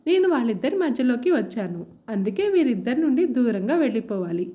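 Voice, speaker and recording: A woman's voice: fairly high pitch, big pitch swings, fast, warm tone. A woman voicing a timid, hurt young wife.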